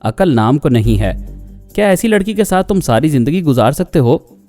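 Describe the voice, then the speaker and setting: A man's voice: a little high, sing-song, moderate pace, mellow, faint music behind, voice pushed up. Man putting on a proud jealous young woman. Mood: insistent.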